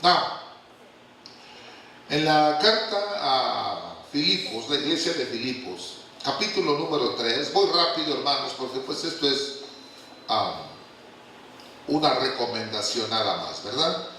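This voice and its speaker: An older man preaching a lively, humorous sermon as a guest pastor, often turning to the congregation with call-and-response questions. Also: mid-range voice, measured pace, a little hiss or hum. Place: church hall. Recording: echoey hall recorded from a distance.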